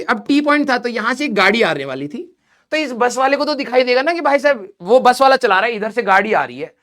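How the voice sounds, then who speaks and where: A man's voice: extremely high pitch, a bit bright. A male teacher casually telling his students a personal story, full of fillers and laughing as he talks. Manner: chatty, fillers like "ठीक है" and "भाई साहब".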